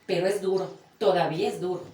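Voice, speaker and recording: A woman's voice: on the low side, steady tone, fast talker, warm tone. A woman from Ecuador, a daughter caring for her mother, telling her story in an earnest, emotional way in a casual conversation. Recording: roomy, distant mic with faint noise.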